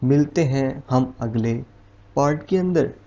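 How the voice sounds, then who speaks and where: A man's voice: medium pitch, measured pace, mellow. A man teaching an English vowel lesson, patiently explaining and repeating each example word one at a time. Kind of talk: slow spoken English lesson. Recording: dull lo-fi recording.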